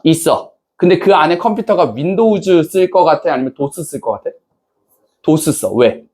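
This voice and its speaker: A man with a fairly high voice lectures a class in a relaxed, chatty way. He keeps firing questions at the students and checking that they follow. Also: moderate pace. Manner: casual banter-style speech to students. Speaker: English teacher.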